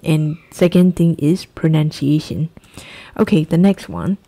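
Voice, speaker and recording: Her voice is low-pitched and mellow, with a Burmese accent. She's an English teacher from Myanmar running an exam-prep lesson, saying key phrases slowly and repeating them for drilling.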